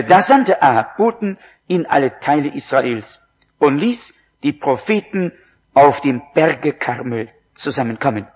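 Male preacher, husky voice, slow lively delivery, dull lo-fi sermon recording. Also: mid-range voice. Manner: slow, emphatic preaching with rising exclamations.

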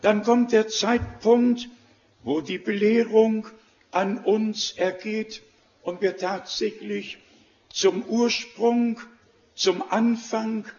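A man preaching a sermon, reading scripture in a slow, measured, emphatic way. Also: high-pitched, a little mellow, muffled recording.

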